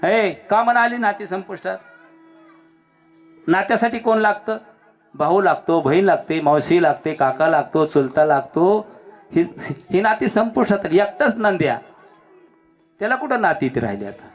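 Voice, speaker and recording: A man preaching a devotional kirtan sermon, telling a story with animated delivery that swings between loud calls and hushed lines. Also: high voice, normal speed, faint music behind. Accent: Marathi. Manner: animated, shifts between shouting and hushed lines, acts out characters.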